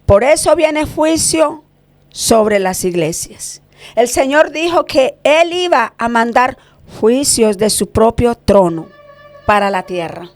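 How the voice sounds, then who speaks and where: A woman's voice: a little high, animated, slow pace, no room sound. A woman giving an impassioned preaching testimony in a pleading tone.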